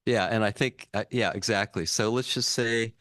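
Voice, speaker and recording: A man with a fairly low voice talks through money rules on a podcast in an easygoing, plain way. The sound is dry and close. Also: fairly even intonation, normal speed, a bit bright, no echo. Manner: easygoing, explains finance plainly. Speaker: co-host, financial advisor. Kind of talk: casual podcast banter.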